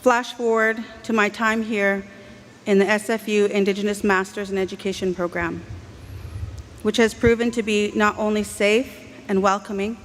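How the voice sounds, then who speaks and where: A woman from Canada giving a formal graduation address, measured, earnest and heartfelt, speaking into a podium microphone. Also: mid-range voice. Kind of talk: formal convocation speech. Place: large indoor ceremony hall. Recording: long hall reverb, faint background hiss.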